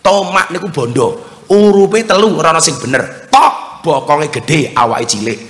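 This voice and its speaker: A man's voice: a little high, lively intonation, moderate pace, a bit bright. A man with a Javanese accent preaching a comedic sermon, joking and teasing the audience. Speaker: Islamic preacher. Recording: long hall reverb, faint noise.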